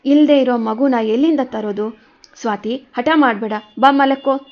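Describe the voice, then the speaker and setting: A woman voicing a gentle young husband who soothes and coaxes his wife. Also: high-pitched, normal speed, lo-fi sound. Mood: soothing. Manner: soothing, coaxing.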